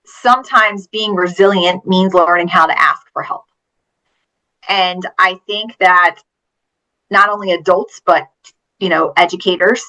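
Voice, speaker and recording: A woman from Pennsylvania with a bright, clear-edged voice speaks as a guest teacher and author. She answers earnestly and tells stories from her classroom with emphatic stress. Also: medium pitch, low-quality recording. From Pennsylvania, USA. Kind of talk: interview answers.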